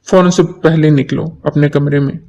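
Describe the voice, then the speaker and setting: A man's voice: fairly high pitch, fairly even intonation, normal speed, dark tone, muffled recording, close to an everyday voice. A man reading a stern scolding mother. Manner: firm, scolding tone. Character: stern middle-aged mother, firm and scolding.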